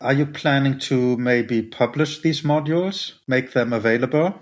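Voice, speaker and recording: A man's voice: mid-range voice, moderate pace. A man asking conversational questions as an interviewer.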